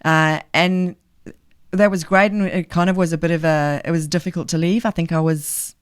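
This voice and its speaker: A woman's voice: lowish voice, fairly even intonation, moderate pace, smooth. Woman with a faint South African accent. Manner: earnest, emphatic, thinks aloud with fillers. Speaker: guest, charity leader. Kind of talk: podcast interview.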